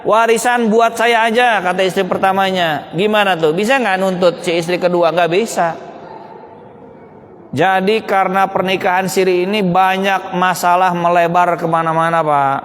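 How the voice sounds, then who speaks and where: A man's voice: high-pitched, normal speed, a little hiss or hum. A man giving a humorous public talk to an audience, full of rhetorical questions and jokes. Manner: animated, rhetorical questions, joking. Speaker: speaker addressing an audience. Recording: long hall reverb.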